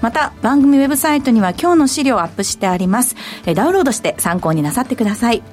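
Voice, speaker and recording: A woman hosting a radio market show, reading announcements in a clear, polite announcer manner. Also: fairly high pitch, lively intonation, racing, darkish tone, faint music behind.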